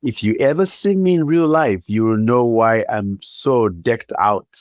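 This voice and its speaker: A man's voice: medium pitch, a little slow, a little mellow, no room sound. A middle-aged man from Uganda with a Ugandan accent, a playful, expansive guest in an interview who laughs often. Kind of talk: podcast interview.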